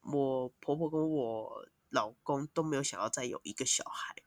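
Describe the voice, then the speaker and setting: A woman, a mother of two, telling long, animated stories as a podcast guest. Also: very deep voice, moderate pace, no room sound, clean studio sound. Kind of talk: casual podcast chat.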